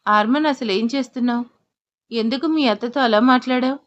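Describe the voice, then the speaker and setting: A woman voicing a young wife who speaks firmly and quickly, scolding her husband, in an audio drama. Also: on the high side, muffled recording, close to an everyday voice. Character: sharp-tongued young wife.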